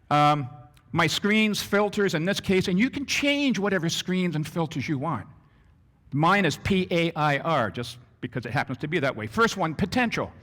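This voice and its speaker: A man giving a business presentation to an audience, animated and acting out little scenes as he talks. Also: fairly high pitch. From Canada. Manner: animated, acts out scenarios in character voices. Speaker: business trainer. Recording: long reverb of a hall.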